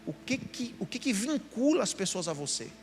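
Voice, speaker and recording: Animated Brazilian preacher man. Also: sits high, moderate pace, a little hiss or hum. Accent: Brazilian Portuguese. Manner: animated preaching, acting out quoted voices. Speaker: pastor. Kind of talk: sermon. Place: church meeting.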